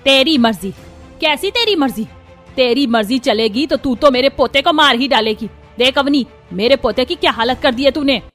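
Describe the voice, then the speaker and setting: एक महिला के अभिनय में सख्त, डाँटने वाली कार्टून दादी, ऊँची आवाज़ में। पीछे धीमा संगीत बजता है।. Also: female voice, fairly high pitch, quick pace, lightly acted. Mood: scolding. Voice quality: scolding, blunt. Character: stern older mother-in-law, grandmother. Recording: light music behind voice.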